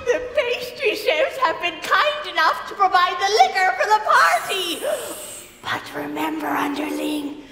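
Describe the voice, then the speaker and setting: A woman's voice: very high-pitched, very animated, a little slow, sharp tone, soft background music, exaggerated voice. A woman playing an imperious, dotty wealthy lady in a stage comedy, grand and fluting. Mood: bossy. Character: imperious, dotty wealthy lady ordering her servant about. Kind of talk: broad stage comedy acting. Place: large theatre stage, filmed from the audience. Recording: echoey theatre, very noisy, from the audience.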